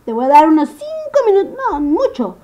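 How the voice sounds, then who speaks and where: A woman teaching a first-grade phonics lesson to young children. She talks slowly in a sing-song way, stretches out words and keeps checking in with the class. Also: high-pitched, wildly swooping pitch, warm tone. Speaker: primary school teacher.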